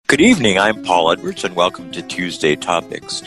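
A man with a fairly low voice hosts a radio interview. His phrasing is deliberate and halting, often repeating a word as he frames a thought. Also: a bit bright, soft background music. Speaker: radio show host, interviewer.

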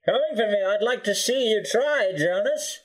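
A man's voice: high voice, poor audio. Bane, a man doing a taunting transatlantic villain. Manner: slow, taunting, measured. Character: menacing male villain spoiling for a fight. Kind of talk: improvised tabletop role-play.

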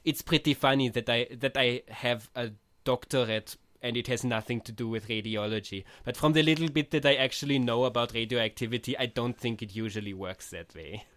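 Playing a courteous psychiatrist superhero with a floating skull, a man speaks in an Austrian accent, earnest and stumbling over frequent hesitations. His medium-pitched voice is fairly bright and lightly acted, with no echo.

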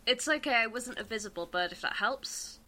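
A woman's voice: fairly high pitch, lively intonation, brisk, sharp tone. A woman bantering casually as a player in a tabletop role-playing game.

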